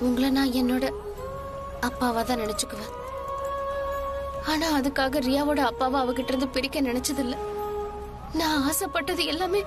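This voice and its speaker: A young daughter, voiced by a woman speaks in a high, emotional voice, pleading and reproachful by turns. It is a dubbed TV serial, with soundtrack music running underneath. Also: long reverb tail, lightly acted. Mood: hurt. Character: young daughter, hurt and earnest, longing for a father. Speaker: dubbing actress. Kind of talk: Tamil TV serial dub. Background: serial background music.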